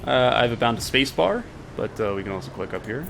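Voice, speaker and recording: A man's voice: medium pitch, lively intonation, quick pace, vocal fry, noisy background. A man giving casual, filler-heavy commentary while playing a city-building game. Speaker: let's play host. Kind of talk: gameplay commentary.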